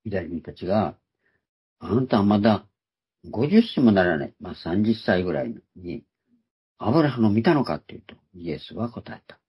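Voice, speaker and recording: A man's voice: fairly low pitch, sing-song, normal speed, slightly rough. A man giving a Bible teaching sermon, explaining terms one by one and repeating key words for emphasis. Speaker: preacher. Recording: dull lo-fi recording.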